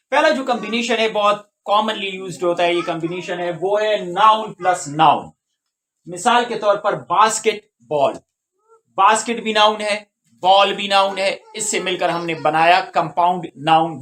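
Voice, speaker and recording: Patient high-voiced male grammar teacher. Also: a bit bright. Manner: patient, explains step by step with examples. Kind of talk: grammar lesson explanation.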